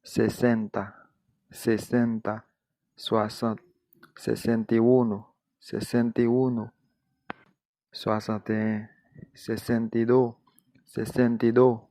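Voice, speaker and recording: A man whose first language is Haitian Creole, counting out numbers one at a time in a very slow, measured drill, saying each twice before he translates it. His voice is low and flat, with a dark, mellow tone. The recording is dry and close, with no room sound. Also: no echo. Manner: repeats each number slowly, then gives a translation. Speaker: language teacher.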